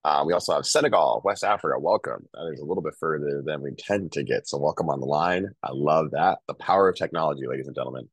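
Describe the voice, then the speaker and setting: Nasal, low-voiced man hosting a video call. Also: quick pace, few pauses, slightly rough, no room sound. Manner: upbeat and chatty. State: nasal from a cold. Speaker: host. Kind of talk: webinar hosting. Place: home, calling in.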